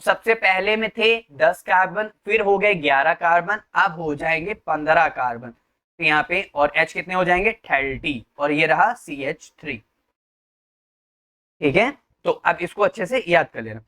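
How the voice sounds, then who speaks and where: Male chemistry tutor, bright forward voice, drills students with quick questions. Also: fairly high pitch. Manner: repeats "ठीक है" and quizzes the viewer with questions; slows down to read English lines word by word. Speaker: chemistry teacher. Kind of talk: classroom-style lecture.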